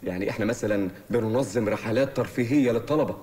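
An actor playing a sanctimonious young Egyptian preacher. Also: male voice, lowish voice, very fast, dark tone, lightly acted. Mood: preachy. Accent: Egyptian Arabic. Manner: preachy, formal phrasing. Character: earnest young male preacher, sanctimonious student leader. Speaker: student group leader. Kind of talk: comic film acting.

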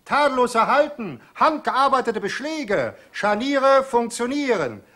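An actor playing a brisk male auctioneer in an old film, calling out bids in a coaxing, sing-song way. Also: very high-pitched, very animated, fairly bright tone, full character voice. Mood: coaxing, salesmanlike.

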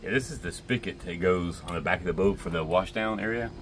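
A middle-aged man, the boat's captain, explaining a repair in a relaxed, plain-spoken way, recorded outdoors on a docked boat. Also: sits low, fast talker, a little hiss or hum. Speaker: boat captain, vlog co-host. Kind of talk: casual how-to vlog.

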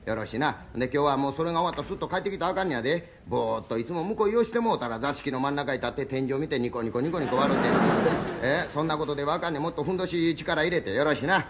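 A man's voice: fairly high pitch, expressive, very fast, noisy background. A man voicing a bossy, exasperated Osaka housewife with an Osaka accent, in rakugo storytelling. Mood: nagging. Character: scolding middle-aged Osaka housewife.

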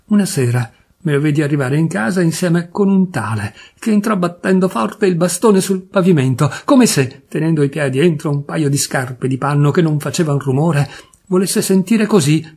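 A man reads a literary audiobook with measured, expressive care. His voice is husky and sits a little high for a man. The narration is first-person and steady. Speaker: audiobook reader.

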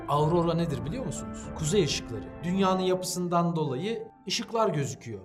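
A man preaches with fervent conviction in a fairly high voice. He calls his listeners brothers and keeps pressing them with rhetorical questions. Soft music plays faintly underneath. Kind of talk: religious talk.

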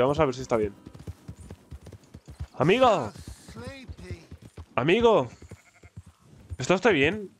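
A man with a Spain Spanish accent giving excitable let's-play commentary, reacting loudly and laughing at the game. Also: mid-range voice. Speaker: gaming YouTuber.

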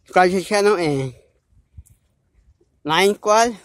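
A woman's voice: mid-range voice, animated, slow pace. A woman vlogging in a playful, rambling way who turns earnest when she signs off. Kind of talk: casual vlog chat. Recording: faint background noise.

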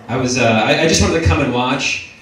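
A young man doing a stand-up set in a comedy club, talking in a halting way with many fillers and restarts. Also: medium pitch, fairly bright tone. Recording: echoey room from far off, crowd laughing.

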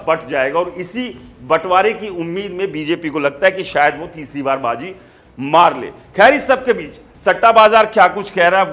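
A man in his thirties delivers political news commentary standing in a studio, talking to camera in an animated way and gesturing as he goes. His voice sits high for a man, and it comes through a lapel mic. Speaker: news editor and presenter. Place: studio in front of a large screen.

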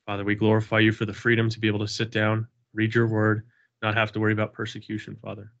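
This man's lowish, fairly bright voice comes out quick and monotone. Slightly sick and sniffling, he leads a Bible study on a video call, praying with an earnest, repeating cadence and chatting casually, all heard through dull lo-fi audio.

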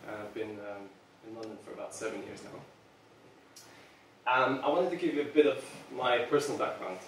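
In a meeting room captured by a distant camera, a Serbian man in his thirties, working as a product designer, delivers a sincere presentation to a small group. He speaks at a moderate pace in a lowish voice, hesitating often with ums, amid strong echo and slight background noise.

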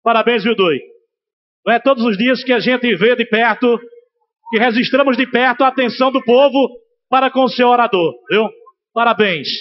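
A man from Pernambuco, Brazil, working as a festival announcer on an outdoor stage at night, calling out loudly to the crowd through a handheld mic. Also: very high voice, moderate pace, long pauses. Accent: Pernambuco Portuguese. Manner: loud, crowd-rousing, shouted calls. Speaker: event announcer and local broadcaster. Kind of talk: festival MC hype. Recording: muffled lo-fi audio with music and crowd.

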